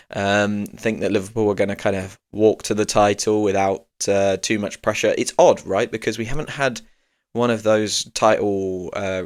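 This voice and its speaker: A man hosting his own football podcast in a loose, conversational way, with lots of fillers and a voice still rough from early morning. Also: lowish voice. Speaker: podcast host. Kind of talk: solo football podcast chat.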